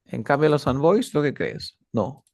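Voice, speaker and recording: Man, english teacher, gravelly voice, dry close sound, patient questioning. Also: medium pitch, expressive, measured pace, dry recording. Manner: patient, checks understanding with frequent questions. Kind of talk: casual one-on-one English lesson.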